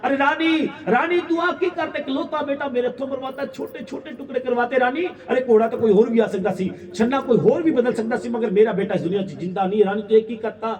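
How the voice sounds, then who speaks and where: A man's voice: high-pitched, fast talker, hardly any pauses, warm tone, natural voice. A man with a Punjabi accent playing a grieving king who laments his dead son and begs forgiveness. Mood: anguished. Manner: pleading, lamenting. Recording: echoey hall, distant dull mic, crowd.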